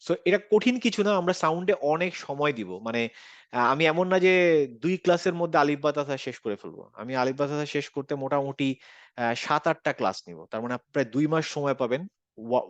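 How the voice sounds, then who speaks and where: A man's voice: a little high, dry recording, dull audio. A man with a Bangladeshi Bengali accent, teaching an online Quran reading class and patiently explaining with English phrases mixed into his Bengali.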